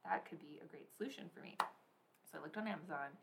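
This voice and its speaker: A woman's voice: low voice, fast, creaky, noisy background. A young woman co-hosting a podcast, chatting casually and telling stories, full of "like" and "so anyways". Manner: chatty storyteller, lots of "like" and "so anyways". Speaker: podcast co-host. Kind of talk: casual chat.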